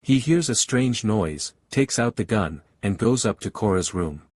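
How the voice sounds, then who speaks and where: A man narrating a film recap in a steady, even scripted storytelling voice. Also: lowish voice, a little slow, husky, no room sound.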